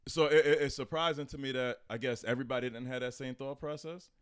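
A man's voice: mid-range voice, fairly even intonation, fast talker, clear, resonant tone, dry recording, clean studio sound. A man from the United States, chatting casually in a group discussion. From United States, raised partly up north, later in the South. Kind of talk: casual chat.

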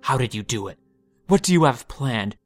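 A man's voice: medium pitch, normal speed, fairly bright tone, slightly rough, faint music behind. A man reading a story, voicing a young mage whose voice grows grating and accusing. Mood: furious. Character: young man, a frightened mage turning furious.

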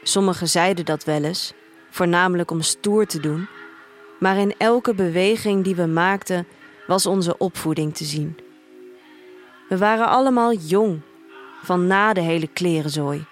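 Over music, an actress narrates a radio drama as an introspective young woman recounting her life in a dystopian future. Her first-person literary storytelling is measured and deliberate, in a natural, lowish voice with a reflective mood.

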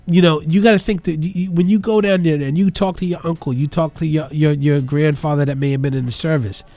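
A man's voice: on the high side, a little mellow, no echo. A middle-aged man with a New York accent giving informal commentary, emphatic and argumentative, repeating phrases as he builds his point. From the Bronx, New York. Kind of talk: informal political and cultural commentary.

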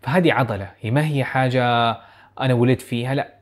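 A young man rattles through a casual video lesson at a rapid clip. His voice sits at a middling pitch, and he stays chatty and animated, with quick asides. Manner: chatty, fast, animated with asides and little laughs. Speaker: IELTS tutor.

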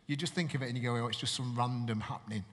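A man's voice: mid-range voice, steady tone, racing, fairly bright tone, slight background noise. Man preaching in a hall. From Manchester, England. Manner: conversational, chatty preaching with questions to the congregation. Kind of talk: sermon.

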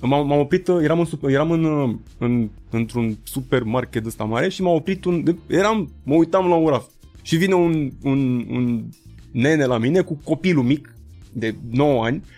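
A man in his thirties, a rapper and beatmaker, telling stories in a casual interview and acting out quotes in high voices. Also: darkish tone, soft background music.

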